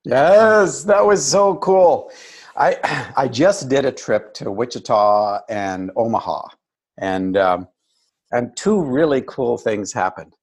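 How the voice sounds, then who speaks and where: A mid-range, slightly rough voice belongs to an older man who speaks slowly. As an interview guest on a video call, he shares a story casually and performs the quoted voices with animation.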